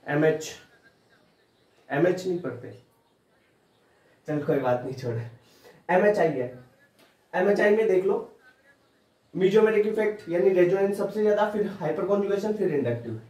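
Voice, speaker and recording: A man's voice: sits high, darkish tone. A man, chatty and informal, hammering the same points again and again. His voice is picked up from some distance in a roomy, echoing space. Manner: informal, addresses student as "bhai" and "tu", repeats points to drill them. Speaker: chemistry teacher. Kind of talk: exam-prep lecture. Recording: roomy classroom audio, mic at a distance.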